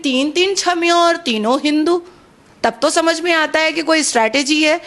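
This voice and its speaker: A woman's voice: high-pitched, moderate pace, a bit bright. A woman commentator speaking pointedly, pressing the listener with a series of questions.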